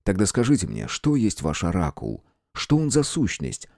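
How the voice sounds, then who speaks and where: A man reading an audiobook, voicing a calm, formal gentleman detective with measured, courteous speech. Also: sits low, dry recording, clean studio sound, exaggerated voice. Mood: firm. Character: calm, firm gentleman detective of old times.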